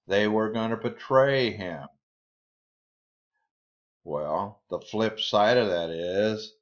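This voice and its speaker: A man giving a Bible study sermon, reading scripture aloud and then explaining it in a deliberate way. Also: lowish voice. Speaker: Bible teacher. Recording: slightly dull lo-fi recording.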